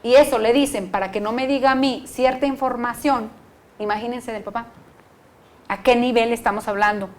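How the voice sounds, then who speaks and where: A woman's voice: fairly high pitch, normal speed. A woman psychologist lecturing an audience, acting out what parents and children say. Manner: lively, acts out quoted parents and children.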